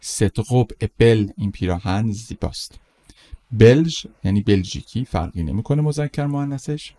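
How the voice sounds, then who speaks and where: A middle-aged male teacher with a lowish, mellow voice, giving a vocabulary lesson. He drags each word out slowly and repeats it, then moves on briskly to its meaning and an example. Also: lively intonation. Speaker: French teacher.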